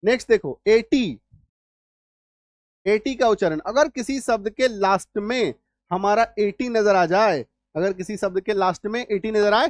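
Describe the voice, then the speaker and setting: A man's voice: high voice, dry recording. A man teaching English spelling rules in an online lesson, repeating each rule and often checking whether students follow.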